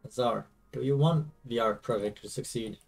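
A man reading aloud as a quiet, troubled young woman in a game, subdued and hesitant, over faint music. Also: mid-range voice, moderate pace, gravelly, far from the mic, pitched below the performer's own voice. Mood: somber.

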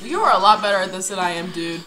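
A woman's voice: medium pitch, expressive, fast talker. A young woman hosting a challenge video in casual, joking chat, with a giggly, irreverent, slangy way of talking. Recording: music playing over the voice.

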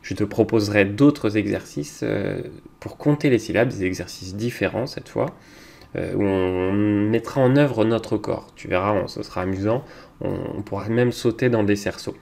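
A man teaching young children, talking slowly and patiently, with hesitant fillers. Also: on the low side, creaky. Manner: speaks slowly to a child, hesitant fillers, loudly claps out each word. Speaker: kindergarten teacher.

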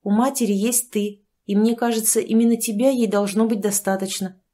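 An anxious pregnant young daughter, voiced by the woman reading, soft and worried but able to turn firm. Her lines sit a little higher than the narration. An audiobook figure. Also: fairly even intonation, brisk, lightly acted.

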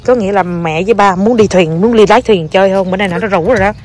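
A woman's voice: mid-range voice, fast, darkish tone, slight background noise. A woman who is a mother, chatting casually to her viewers while filming her family outdoors by the water. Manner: chatty, talks to viewers and child in turns. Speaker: vlogger and mother. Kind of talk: casual family vlog chat.

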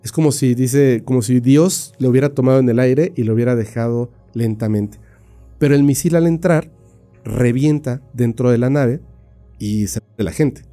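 Man, podcast storytelling, casual and animated, filler-heavy, deep mellow tone, faint background music. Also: normal speed. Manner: animated retelling with many fillers and mouth sound effects.

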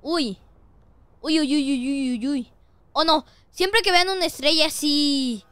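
A woman hosting a gaming video, giving excitable, chatty, jokey let's-play commentary into a close microphone. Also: high voice, no echo.

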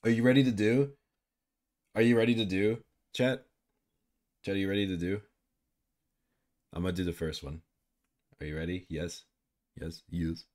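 A man's voice: deep voice, darkish tone. A man streaming live as a VTuber, chatting casually in a playful, rambling way and swearing freely.

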